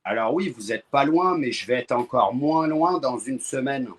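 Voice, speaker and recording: A man from France hosting a live stream, chatting casually with callers and cracking deadpan jokes. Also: medium pitch, normal speed, slightly rough.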